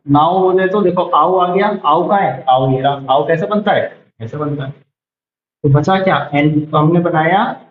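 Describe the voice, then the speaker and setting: A young man teaching a beginners' shorthand class, patiently repeating each word slowly and checking whether anyone has doubts. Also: a little high, slight background noise. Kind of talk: classroom lesson. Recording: roomy, dull lo-fi sound.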